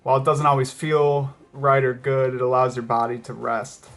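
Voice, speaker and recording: A man talking casually as a running vlogger, reflective and hesitant, often pausing mid-thought. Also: mid-range voice, flat delivery, soft background music. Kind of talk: casual vlog talk to camera.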